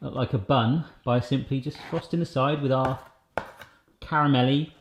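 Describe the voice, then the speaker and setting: A man's voice: medium pitch, steady tone, normal speed, highs cut off. Chatty man, echoey kitchen. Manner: chatty, jokey, explains each step. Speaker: cooking channel host. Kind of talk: casual cooking vlog chat. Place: home kitchen. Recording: echoey room with faint noise.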